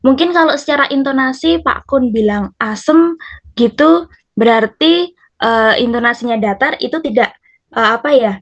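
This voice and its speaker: A woman's voice: high-pitched, animated, moderate pace, dry recording. A female student answering in an online class, speaking politely and hesitantly with fillers. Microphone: video call.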